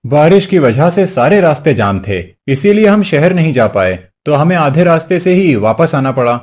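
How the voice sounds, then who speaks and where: A man's voice: a little high, big pitch swings, moderate pace, a little mellow. A man voicing a grown son and husband in a storybook tale who is devoted to his mother and speaks firmly. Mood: stern. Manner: firm and demanding.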